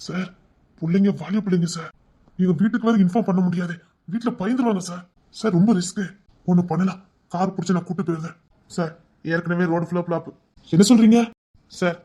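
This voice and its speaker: A voice actor performing an audio drama, talking in a quick, urgent and reassuring way. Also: medium pitch, mellow.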